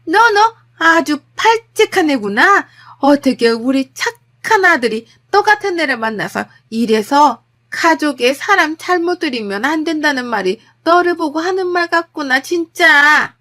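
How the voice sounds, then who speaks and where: A shrill, high older mother-in-law, as a woman storyteller puts her on, drawing out her pleas and then shrieking her reproaches. She scolds loudly and without letup, in a storytelling voice. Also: lively intonation, normal speed. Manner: pleading, then screaming and scolding. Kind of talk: storytelling with acted dialogue.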